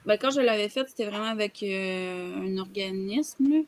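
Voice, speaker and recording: Joining a video-call podcast from a room at home, a young Québécois-accented woman chats casually as a panelist. She talks at normal speed in a medium-pitched voice, with a noisy background.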